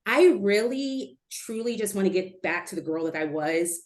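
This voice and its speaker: A middle-aged woman speaking as a webinar guest, a lively storyteller who acts out what others said, on a video call. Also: medium pitch, moderate pace. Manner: lively storyteller, animated quoting of others, laughs easily. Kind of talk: casual interview on a video call.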